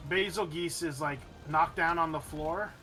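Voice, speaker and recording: Guy streamer goofing around mid-game, bright kinda high voice, faint game music behind. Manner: joking, animated, quick self-corrections. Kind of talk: casual chat while gaming.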